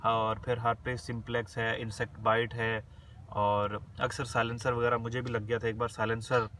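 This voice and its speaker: A man giving a medical lecture. He reads English definitions slowly, then explains them casually in Hindi. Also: mid-range voice, little pitch movement, pushed and bright, recorded from a distance, a little hiss or hum.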